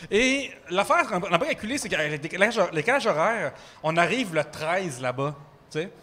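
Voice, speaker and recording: Québécois man, 30s, high bright voice, animated live-podcast storyteller, slangy. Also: fairly quick. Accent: Québécois French. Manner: animated, lots of fillers and slang. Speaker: guest storyteller. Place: microbrewery with live audience.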